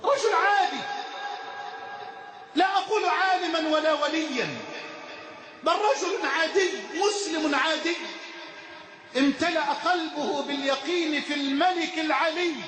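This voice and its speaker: A man with an Egyptian Arabic accent preaching an impassioned sermon to a gathering in a large hall, his fervor rising into shouts. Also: very high-pitched, unhurried, long pauses. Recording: echoey hall with background noise.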